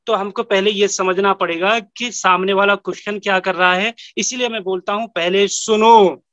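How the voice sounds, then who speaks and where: A man's voice: high voice, brisk, no room sound, highs cut off. A man training his team, telling a story and acting out the voices. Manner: animated storyteller, acts out voices. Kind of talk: storytelling in a business training session.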